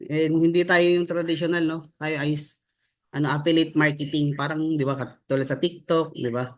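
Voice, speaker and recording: Speaking at normal speed in a fairly high, flat voice, a young man from the Philippines runs a relaxed motivational online training by video call. Chatting away, he reads names aloud and keeps asking "no?" and "di ba?", with a staircase visible in the home room behind.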